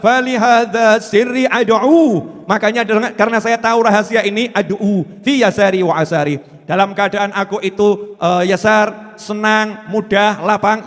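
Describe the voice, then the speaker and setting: A man preaching a sermon with a light lilt, chanting Arabic verses between plain talk. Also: high-pitched. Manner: chants and sings Arabic verses, acts out pleading voices. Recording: long hall reverb.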